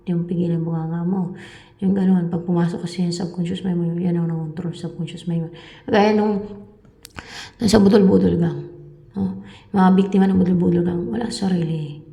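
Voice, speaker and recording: A woman's voice: lowish voice, steady tone, brisk, vocal fry, long pauses, mellow, roomy sound. A woman giving a meandering spiritual talk to her viewers, repeating herself and sometimes dropping into a whisper. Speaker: spiritual reader.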